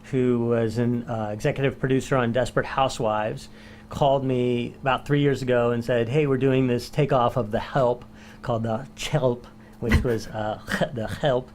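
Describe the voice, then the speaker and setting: A man's voice: mid-range voice, steady tone, moderate pace, darkish tone, slight background noise. A male actor, a guest on a chat show, telling anecdotes casually with many fillers and restarts. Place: studio.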